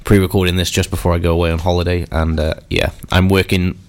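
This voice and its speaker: Deep-voiced man with a stuffy nose. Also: little pitch movement, fast. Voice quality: nasal, bunged-up stuffy nose. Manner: informal, chatty. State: congested with a cold. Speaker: radio show host. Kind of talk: casual rock radio presenting.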